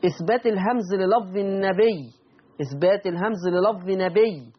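A man with an Egyptian accent explaining recitation rules as a teacher, drawing out and repeating example words slowly. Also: high voice, slightly rough, lo-fi sound. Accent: Egyptian Arabic.

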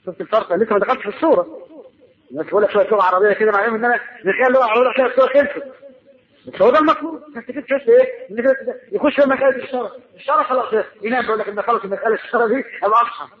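A man's voice: very high-pitched, racing, narrow, tinny audio. A man with an Egyptian Arabic accent gives a colloquial religious lesson on Arabic grammar, asking his audience questions and answering them himself. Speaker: preacher teaching Arabic grammar.

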